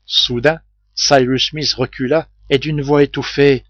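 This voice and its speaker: A man reading a novel aloud as audiobook narrator, in a measured, steady scripted narration. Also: mid-range voice, no room sound. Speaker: audiobook reader. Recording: dull, muffled home recording.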